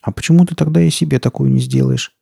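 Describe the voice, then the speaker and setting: A frightened young village woman, as a man reading the book puts her on, asks timid, pleading questions in a lifted voice. Gravelly and husky underneath, close and dry. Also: mid-range voice, steady tone, quick pace, dark tone, no echo, pitched above the performer's own voice. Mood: timid, anxious. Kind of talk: audiobook character voice.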